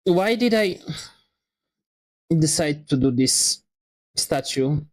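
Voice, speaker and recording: A man's voice: fairly high pitch, expressive, slow pace, darkish tone, low-quality recording. A man streaming while he paints, chatting casually and rambling in a self-deprecating way on a wireless lapel mic. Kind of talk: casual chat on a live stream. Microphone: wireless lapel microphone.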